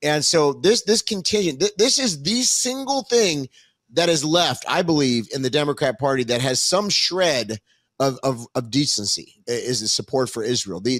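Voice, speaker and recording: A man's voice: on the high side, no echo. A man co-hosting a political talk show, explaining his views earnestly with frequent restarts. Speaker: co-host. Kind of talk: casual political commentary.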